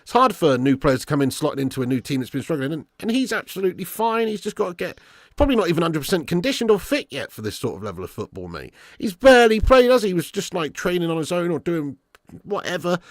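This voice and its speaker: A British man doing live football watch-along commentary and chatting casually with viewers in an animated, blokey, sweary, matey way. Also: fairly high pitch, no room sound. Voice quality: raspy, smoker's laugh.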